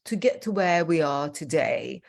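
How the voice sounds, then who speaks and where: An older woman originally from Iran hosting an interview as a coach, talking warmly and effusively, rambling with many fillers. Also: deep voice, animated, a little slow, creaky. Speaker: host, transformational coach. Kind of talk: casual interview chat.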